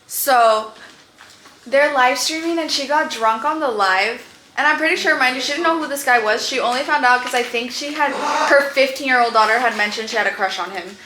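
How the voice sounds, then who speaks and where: Rambling bright-voiced woman, roomy echo. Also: on the high side, a little hiss or hum. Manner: rambling, filler-heavy, lots of "like". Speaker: vlogger explaining internet drama to a friend. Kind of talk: casual storytelling chat. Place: a bedroom.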